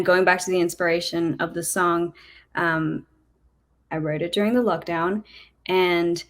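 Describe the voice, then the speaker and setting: A young adult woman, a singer, chatting as an interview guest in a bubbly, giggly way. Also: on the low side. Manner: bubbly, giggly, quick to cheer. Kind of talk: casual interview.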